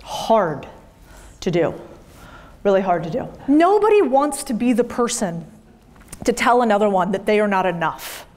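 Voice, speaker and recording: A woman's voice: mid-range voice, big pitch swings, moderate pace, long pauses, darkish tone. A woman in her thirties giving a blunt, emphatic motivational talk to a live audience, swearing freely. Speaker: business speaker. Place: event room with audience.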